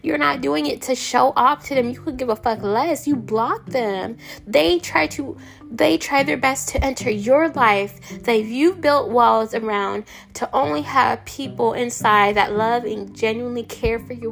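Raspy woman in a heated rant. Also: fairly high pitch, unhurried. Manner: heated, irritated, cussing freely. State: hoarse. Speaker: podcast host. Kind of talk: ranting monologue.

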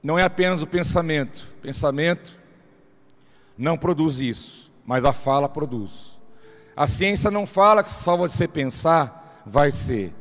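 A man with a Brazilian Portuguese accent giving an emphatic motivational sermon, speaking straight to his listeners. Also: a little high. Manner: emphatic, addresses listeners directly. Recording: reverberant hall.

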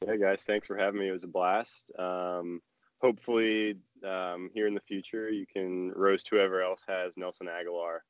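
A man's voice: sits low, little pitch movement, moderate pace, clear, resonant tone, no echo, highs cut off. A young man, a guest on a podcast, chatting casually and laid-back with lots of hesitant fillers. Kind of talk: casual chat.

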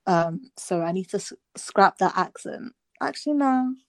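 A woman's voice: mid-range voice, expressive, dry recording, clean studio sound. Tired, joking young woman co-host. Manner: joking, quick to laugh, chatty. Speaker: podcast co-host. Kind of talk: casual podcast chat.

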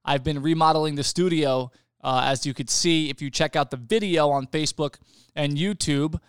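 A young man hosting a casual podcast from his home studio, chatty and quick to laugh, with loose restarts. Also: a little high, clear, resonant tone, no echo. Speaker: podcast host.

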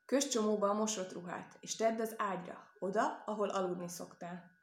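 A woman reads as a clever male storybook rabbit, calm and earnest, talking others round to his plan. The sound rings in an echoey room. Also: mid-range voice, natural voice. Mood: advising.

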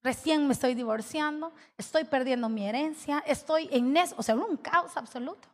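Woman pastor, lively storytelling sermon, high voice ringing through a long reverb. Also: normal speed. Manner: animated storytelling, acting out quoted dialogue.

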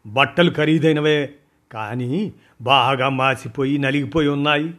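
A man's voice: medium pitch, measured pace, fairly bright tone, lightly acted. A man voicing a nervous young male underling who answers in a hesitant, placating way.

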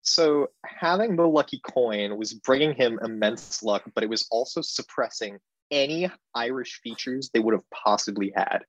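A man's voice: mid-range voice, normal speed, hardly any pauses, a bit bright, dry recording, lo-fi sound. A man talks through a film plot in loose, easygoing conversation. He rambles with plenty of fillers and sounds amused. His voice is close and dry, with almost no room sound. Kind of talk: casual chat recapping a movie.

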